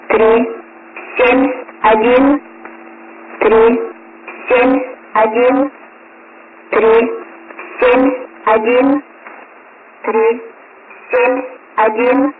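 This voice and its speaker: A woman reading out strings of numbers in a flat, mechanical numbers station monotone, heard over shortwave radio. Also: high voice, narrow, tinny audio, background noise. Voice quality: flat, mechanical, evenly spaced delivery. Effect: numbers station monotone readout. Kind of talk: repetitive number callout broadcast. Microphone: received over shortwave radio.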